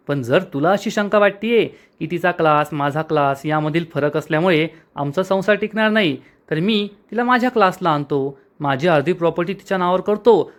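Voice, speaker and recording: A man's voice: sits high, natural voice. A man reading the lines of a rich young man, determined and in love, in a soap recap.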